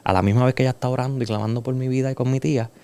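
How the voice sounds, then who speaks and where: A Puerto Rican man giving an earnest, emotional personal testimony as a guest in a conversation, dropping soft and slow at heavy moments. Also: medium pitch, fairly even intonation, smooth. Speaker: podcast guest.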